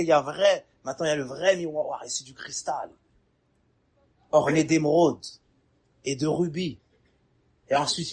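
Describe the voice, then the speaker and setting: A middle-aged man preaching a lively sermon, acting out little scenes and asking the crowd questions. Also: a little high, breathy edge.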